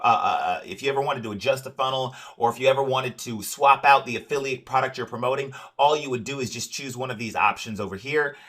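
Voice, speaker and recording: Man, software walkthrough, salesy and upbeat, mid-range voice, lots of "uh" and "right?". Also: medium pitch. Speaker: product demonstrator. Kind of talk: screen-share software walkthrough.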